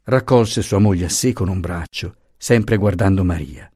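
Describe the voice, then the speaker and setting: A man narrating a classic novel in an expressive, measured way for an audiobook. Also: low-pitched, slightly rough, no echo, clean studio sound.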